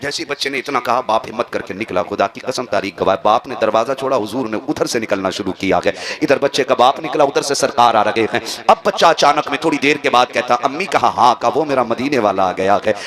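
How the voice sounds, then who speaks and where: A male preacher telling an emotional story in a sermon, dropping to a hushed, tearful voice and then rising to impassioned cries. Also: mid-range voice, fast talker, few pauses. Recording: live gathering with audible crowd.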